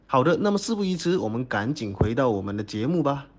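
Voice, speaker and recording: A man's voice: medium pitch, big pitch swings, quick pace. A man reading a promotional announcement in an upbeat way. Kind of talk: read station announcement.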